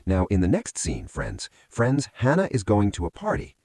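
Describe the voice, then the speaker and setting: A man narrates a movie recap like a story, repeatedly calling his listeners friends, with lively rising and falling delivery. His voice is on the low side and gravelly, his pace moderate, with no echo.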